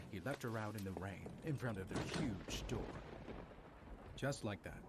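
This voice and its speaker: A man telling a dramatic family story as narrator, with a steady storytelling delivery. His voice sits on the low side, and his pitch moves in lively arcs to carry the tension.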